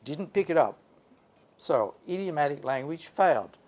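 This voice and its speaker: A man giving an animated English lesson, speaking emphatically and theatrically in short, repeated phrases. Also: a little high, normal speed. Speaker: English language teacher presenting. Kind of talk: animated lecture presentation.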